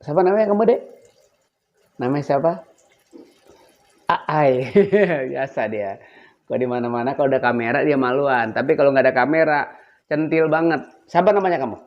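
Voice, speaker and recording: A man's voice: medium pitch, normal speed, long pauses, muffled recording. An older man, hosting a casual cooking vlog and playfully coaxing his grandchild as he talks. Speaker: vlog host.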